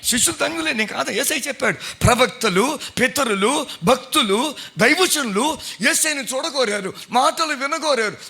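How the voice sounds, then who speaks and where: Middle-aged pastor guy preaching, high voice, keeps quizzing the crowd. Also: lively intonation, normal speed, vocal fry, sharp tone. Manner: questioning the congregation, conversational preaching. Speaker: pastor and Bible college principal. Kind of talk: sermon.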